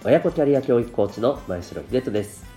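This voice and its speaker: This solo podcast host, a parenting coach, sounds nasal and congested thanks to rhinitis and dust as he courteously explains things. His mid-range voice is expressive and dark-toned, moving a bit fast. The space sounds roomy and echoey, with light background music.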